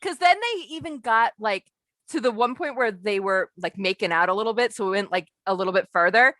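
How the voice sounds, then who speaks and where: A woman's voice: mid-range voice, animated, brisk, bright, forceful tone, no room sound. A woman co-hosting a casual film podcast, gushing and rambling with lots of "like". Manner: gushing, rambling, many likes. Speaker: podcast co-host. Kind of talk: casual chat.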